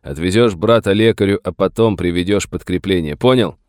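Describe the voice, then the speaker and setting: A man's voice: sits low, fairly quick, a little mellow, clear, resonant tone, no echo, studio quality, close to an everyday voice. A man voicing a curt, commanding frontier sheriff who gives clipped orders. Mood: stern.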